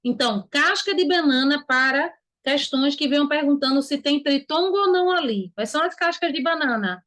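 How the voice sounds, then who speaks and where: A high-pitched Brazilian woman teaches an online Portuguese lesson. She sounds words out slowly, one syllable at a time, then checks in with her students before moving on. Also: lively intonation, fairly bright tone. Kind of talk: online exam-prep lesson.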